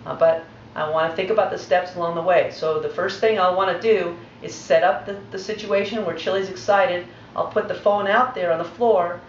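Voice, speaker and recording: A woman's voice: lowish voice, slight background noise. A woman dog trainer giving a patient, methodical demonstration lesson. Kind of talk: instructional demonstration. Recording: roomy, distant, dull recording.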